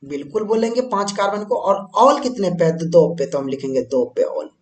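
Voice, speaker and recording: A man's voice: high voice, expressive, brisk. Chatty male teacher in an echoey room. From India. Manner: chatty, keeps asking students questions and answering them. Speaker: chemistry teacher. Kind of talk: board-exam lesson at a whiteboard.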